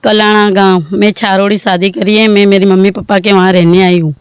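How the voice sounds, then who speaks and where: A woman's voice: mid-range voice, level tone, brisk, smooth. A village woman speaking outdoors into a reporter's handheld mic, agitated and repeating phrases. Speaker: village resident interviewed. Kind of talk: street interview.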